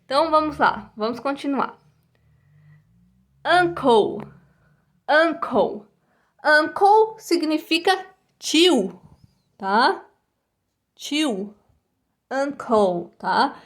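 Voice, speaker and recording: Brazilian lady teacher going slow, lots of "tá?", fairly high voice, repeats every english word. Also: very animated, a bit bright. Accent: Brazilian Portuguese. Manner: slow and patient, tags almost every phrase with "tá?" or "né?"; carefully spells out English pronunciation, repeating each word. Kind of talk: recorded online English lesson for first graders.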